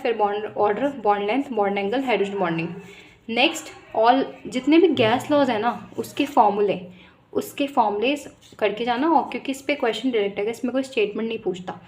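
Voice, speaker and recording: A young woman, a medical student, giving a casual exam-prep lesson, brisk and direct, often checking in with the viewer. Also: fairly high pitch. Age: young adult.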